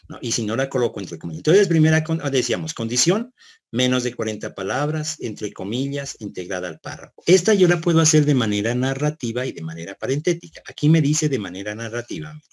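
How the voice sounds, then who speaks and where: This male university lecturer has a husky, somewhat dark voice at medium pitch. Walking the class through the material one step at a time, he repeats himself, tosses in frequent "¿no?" checks, and puts questions to the students.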